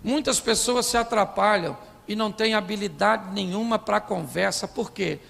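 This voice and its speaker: Pastor man preaching funny, real gravelly, high-ish voice, long echo in a big hall. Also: normal speed. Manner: animated, acts out couples' quarrels in put-on voices. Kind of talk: comic sermon. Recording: live in a large hall with long reverb and faint noise.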